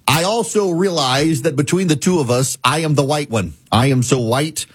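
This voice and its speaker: A man's voice: fairly high pitch, normal speed, breathy edge, no room sound. A middle-aged man from the American South hosting a talk radio show, folksy and sarcastic.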